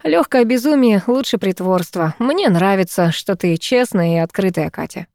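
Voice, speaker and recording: A woman voicing a calm, kind young male neighbor in an audiobook. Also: mid-range voice, normal speed, dry recording, close to an everyday voice. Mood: gentle.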